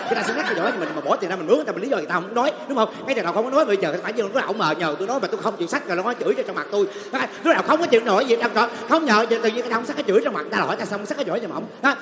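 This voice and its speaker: A man playing a loud, argumentative young male servant in a stage comedy sketch. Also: high voice, expressive, rapid-fire, few pauses, a crowd in the background. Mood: arguing. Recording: echoey hall with loud music.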